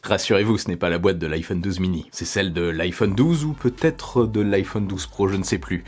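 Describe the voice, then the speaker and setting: A man's voice: sits low, brisk, slightly rough. A man hosting a tech unboxing vlog, talking in a playful way with jokey asides. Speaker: tech YouTuber.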